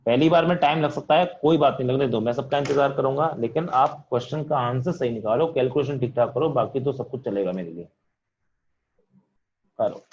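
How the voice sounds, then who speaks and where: हिंदी लहजे वाले ऊँची आवाज़ में पढ़ाते शिक्षक. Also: male voice, medium pitch, brisk, lo-fi sound. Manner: talks loudly to students, says he is shouting. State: voice feels strained from shouting. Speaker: physics teacher. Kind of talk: online class lecture. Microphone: computer mic on video call.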